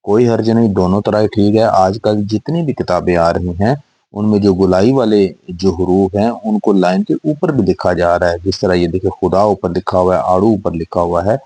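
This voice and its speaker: A man teaching young children to read and write, spelling words out slowly, syllable by syllable, and repeating them patiently. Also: low-pitched, dark tone, breathy edge, dry recording, low-quality recording. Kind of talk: slow spelling-out lesson.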